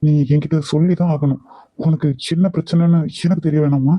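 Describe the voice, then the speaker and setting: A loving but short-tempered young husband from an animated drama, voiced by a man who presses and scolds when he gets no answers. His voice is very dark and mellow, pitched a little high for a man. It sounds dry and close, with no room around it. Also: fairly quick, no room sound, natural voice, poor audio. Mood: angry. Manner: scolding, pushy questioning. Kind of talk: dramatic cartoon voice acting.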